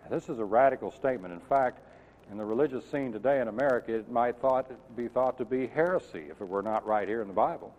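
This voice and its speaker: This preacher talks fast in a medium-pitched, darkish voice, teaching his sermon earnestly and emphatically while questioning his listeners. The recording is tinny and lo-fi, set in a reverberant hall.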